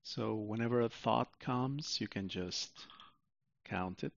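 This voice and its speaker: A man narrates a sleep meditation in a soothing, sleep-story manner. His voice is lowish and creaky, and he leaves long, unhurried pauses between phrases. The sound is close and dry, though a little dull and muffled. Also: dry recording. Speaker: meditation guide.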